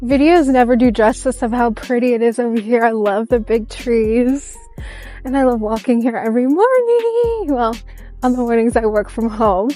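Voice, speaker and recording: A young vlogger chats casually into her camera while out walking outdoors, sounding upbeat and giggly. Her voice is a little high and warm in tone, at a normal speed, with faint music behind her.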